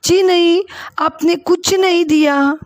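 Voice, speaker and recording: A woman's voice: fairly high pitch, takes it slowly, a little mellow, no echo, studio quality. A woman voicing a timid, frightened young maidservant who answers meekly and apologetically. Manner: meek, trembling, apologetic.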